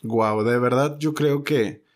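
A man's voice: mid-range voice, slow. A man, a podcast host in his thirties, interviewing and encouraging his guest with short affirmations. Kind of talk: casual interview.

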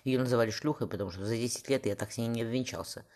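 A man's voice: medium pitch, racing, darkish tone, close to an everyday voice. A man voicing a stubborn, grieving philosopher and widower in an audiobook, earnest and brooding.

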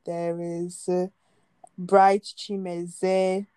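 A woman's voice: fairly low pitch, flat delivery, drawn-out words, dark tone, clean tone, dry recording. A woman chatting casually as a podcast co-host, enthusiastic and exclamatory. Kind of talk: casual chat.

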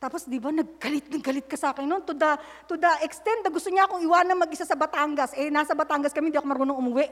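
High-voiced woman preaching in a reverberant hall. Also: rapid-fire. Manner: candid storytelling mixing English and Tagalog, praying aloud mid-sentence. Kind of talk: sermon.

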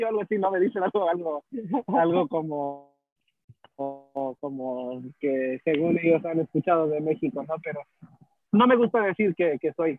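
A man's voice: high-pitched, dry recording. A young man from the United States chatting casually as a guest, rambling with many fillers and restarts. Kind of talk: casual conversation. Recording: tinny phone-like sound, dry.

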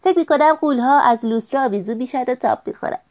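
A woman voicing a playful, carefree young fox who talks loudly and cheerfully. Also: medium pitch, lively intonation, natural voice. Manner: loud and cheerful.

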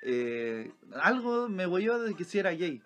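A young man with a Chilean accent, co-hosting a comedy chat with loud, slangy, rowdy storytelling. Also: high voice, very animated, slow pace, soft background music. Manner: loud, rowdy, slangy, bursts into shouted bits. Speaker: podcast co-host.

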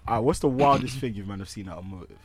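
A man's voice: on the low side, racing, crowd noise. A young man with a London roadman accent, asking questions in a casual, slangy way as interviewer. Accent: London roadman, multicultural London English. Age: young adult.

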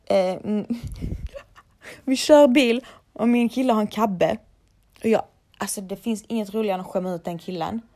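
A woman's voice: medium pitch, pauses often, darkish tone. A young woman, a laser hair removal technician, chatting casually and bluntly to her followers and swearing freely.

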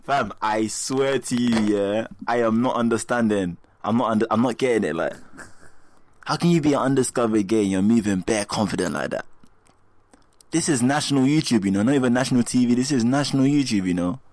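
A man's voice: mid-range voice, fairly quick, darkish tone, no room sound. A young man with a London roadman accent, ranting casually in heavy street slang, repeating himself emphatically and incredulously. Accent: London multicultural slang, roadman. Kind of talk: casual comic rant, chat.

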